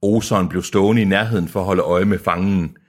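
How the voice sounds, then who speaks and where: Man reading a novel aloud, lowish voice, joking asides, podcast style. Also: steady tone. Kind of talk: reading aloud with casual chat.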